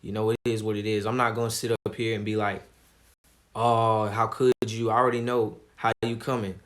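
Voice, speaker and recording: A man streaming live, talking casually in a calm, laid-back way with plenty of slang. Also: on the low side, fast. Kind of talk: casual livestream commentary.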